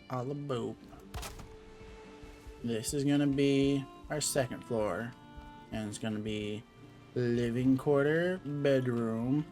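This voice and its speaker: A man's voice: mid-range voice, a little mellow. Playful young man streaming a game. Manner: playful, chatty, answers chat aloud. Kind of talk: casual gameplay chat.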